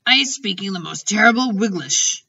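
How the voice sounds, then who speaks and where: Lady doing a gentle old giant from a storybook, proud but muddled, sharp bright sound, jumbled words, sounds far from the mic. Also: mid-range voice, expressive, normal speed, breathy edge, dull audio, pitched above the performer's own voice, heavily acted. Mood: sad, flustered. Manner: mangled grammar and invented words.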